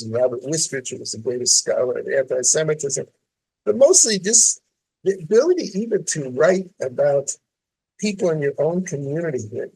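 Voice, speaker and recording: A man's voice: medium pitch, warm tone, husky, rough recording. An older man, a columnist talking reflectively in an interview with many restarts and fillers. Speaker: guest columnist. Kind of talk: casual interview talk.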